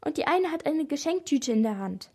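Woman doing a nervous young girl, breathless, anxious, high voice, children's story. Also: expressive, fairly quick, darkish tone.

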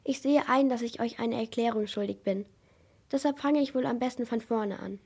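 A woman reading the lines of a big, quiet male rig worker who mumbles and sounds subdued. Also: on the high side, normal speed, breathy edge. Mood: shaken.

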